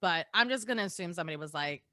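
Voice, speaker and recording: A woman's voice: lowish voice, expressive, very fast, sharp tone, no echo, clean studio sound. A woman co-hosting a podcast in casual chat, giggling often and joking around. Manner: giggly, jokey, acts out silly voices. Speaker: podcast co-host.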